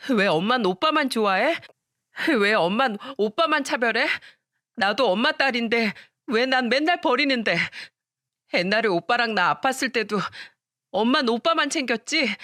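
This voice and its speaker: A woman's voice: a bit bright, dry recording, studio quality. A woman voicing a hurt young schoolgirl who complains tearfully to her mother, in a storytelling radio show. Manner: high, pleading and tearful.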